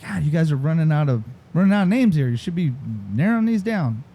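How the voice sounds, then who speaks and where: A man's voice: on the high side, lively intonation, fast talker, warm tone. A man hosting a casual fishing talk show, joking and teasing, laughing often. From Florida. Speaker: podcast host. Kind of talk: casual radio chat.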